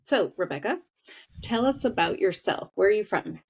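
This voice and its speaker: A woman's voice: medium pitch, sing-song, normal speed, a little hiss or hum. A woman hosting a podcast interview in a friendly, chatty way. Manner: friendly, chatty, laughs easily. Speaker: podcast host. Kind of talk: casual interview.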